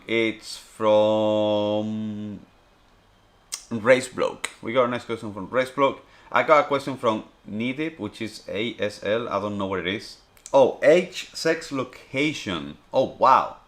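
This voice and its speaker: A Spanish man in his thirties, with a deep low voice and a Spanish accent, chats loosely through a streamer's Q&A. He rambles, circles back and fills his talk with "obviously" and "you know". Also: a bit bright. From Spain. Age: 30s. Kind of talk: casual Q&A chat.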